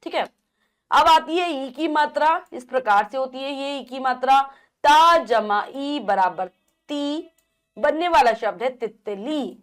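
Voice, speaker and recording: A woman's voice: high-pitched, moderate pace. A woman teaching a children's grammar lesson, patiently spelling out letters and asking and answering her own questions.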